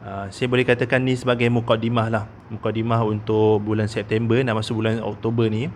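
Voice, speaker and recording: A man's voice: fairly low pitch, flat delivery, a little fast. Malaysian guy in his 30s talking investing, lots of ah and okey, bit of noise behind. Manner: many "ah" fillers and "okey?" tags. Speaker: investment consultant. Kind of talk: casual investment talk.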